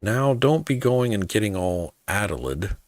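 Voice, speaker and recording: Here is a gruff old salt of the sea played by a man, wily and boastful. He talks in thick pirate phrasing, as a game quest-giver would, in a lowish voice recorded close and dry. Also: sing-song, measured pace, dry recording. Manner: archaic pirate dialect. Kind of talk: video game quest role-play.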